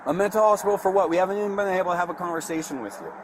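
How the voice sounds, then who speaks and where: A police officer giving curt, repeated commands to a driver, recorded on a body camera at a roadside. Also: male voice, high voice, very fast. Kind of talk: shouted commands at a traffic stop. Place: roadside outdoors at night. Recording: noisy bodycam audio.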